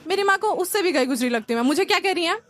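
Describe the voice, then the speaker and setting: A young woman from India performs stand-up comedy in with a tinge. Her voice sits high, and she tells her stories in a lively way, slipping into impressions of family and friends. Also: very fast, a little hiss or hum. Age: young adult. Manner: lively storytelling, acts out relatives and friends.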